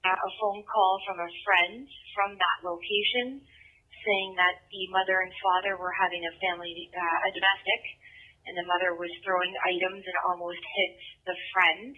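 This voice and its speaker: A woman's voice: lowish voice, flat delivery, normal speed, breathy edge. A woman dispatcher relaying incident details factually over a two-way police radio. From Canada. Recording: tinny, narrow scanner radio.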